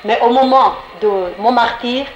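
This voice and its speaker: A woman playing a nun who tells the story in a measured way. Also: a little high, slight background noise, lightly acted. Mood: storytelling. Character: nun, woman, quietly resolute. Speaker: narrator and fellow nun. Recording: echoey lo-fi recording with music.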